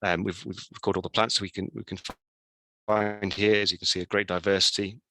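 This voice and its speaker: A crofter presenting over a video call, speaking in a halting, explanatory way while his audio breaks up as the stream quality drops. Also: low voice, little pitch movement, sharp tone, slight background noise. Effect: audio breaking up over a dropping video call stream. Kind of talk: informal presentation.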